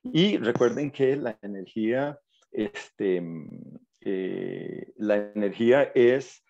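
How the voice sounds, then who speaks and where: A man with a Costa Rican accent giving an informal science lecture, often tagging his sentences with "verdad?" and filling pauses with "este". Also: fairly low pitch, lively intonation, vocal fry, darkish tone, dull audio. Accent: Costa Rican Spanish. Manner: tags sentences with "verdad?", many "este" fillers. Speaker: guest lecturer.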